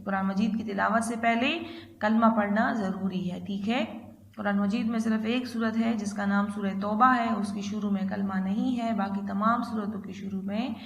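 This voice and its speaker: A woman teacher with a Pakistani accent giving a lesson to young children, drawing out each phrase slowly and repeating it for them to follow. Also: medium pitch, steady tone. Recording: echoey room.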